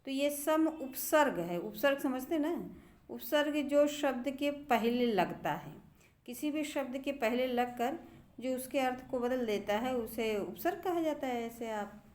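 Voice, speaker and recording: A middle-aged woman teacher explaining grammar to students, patiently repeating words slowly to show how they are pronounced. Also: on the high side.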